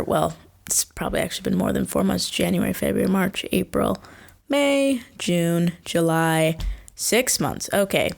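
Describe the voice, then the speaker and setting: On her first solo podcast, a young adult host rambles casually in circles, often correcting herself. She's from Washington State in the USA, born in Kenya, and her low voice has a creaky quality.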